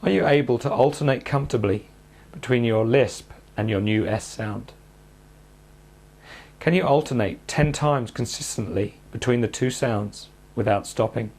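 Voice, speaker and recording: A man calmly guiding listeners through speech therapy exercises in a measured instructional narration. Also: mid-range voice, gravelly. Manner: calm, measured, step-by-step coaching.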